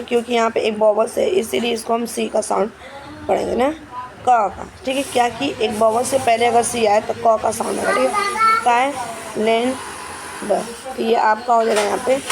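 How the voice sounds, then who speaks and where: A woman's voice: on the high side, creaky, background noise. A woman teacher explaining English grammar questions in Hindi, stepping through each answer and often checking with "ठीक है". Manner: reads English questions slowly and carefully.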